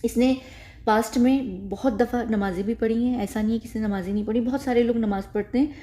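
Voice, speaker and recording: Woman vlogger, casual rambling delivery, warm dark tone, often restarts sentences. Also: on the high side, fairly even intonation, fast. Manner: rambling, repeats phrases, frequent self-corrections. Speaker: YouTube commentator. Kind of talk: casual spoken commentary to camera.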